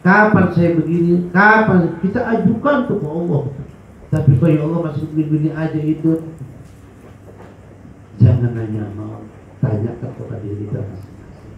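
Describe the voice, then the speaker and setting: Animated preacher in an echoey hall. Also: male voice, a little fast, gravelly, pauses often. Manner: animated, swings between loud cries and low mutters. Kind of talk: religious study sermon. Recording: echoey hall, dull lo-fi sound, faint hiss.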